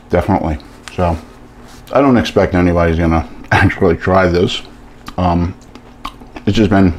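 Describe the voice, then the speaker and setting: Man, very deep voice, casual home cooking vlog, relaxed, lots of ums, faint background hum. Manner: relaxed, halting, with many fillers. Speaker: cooking vlogger.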